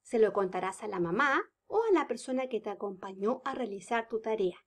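A woman's voice: mid-range voice, lively intonation, a little fast. A woman teaching a kindergarten lesson, drawing out words in a sing-song way for small children.

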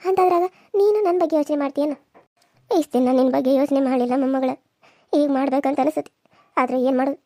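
A woman's voice: sits high, dark tone, dry recording, studio quality, lightly acted. Woman doing a wounded old village grandmother. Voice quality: rustic, lamenting and reproachful. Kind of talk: cartoon serial voice acting.

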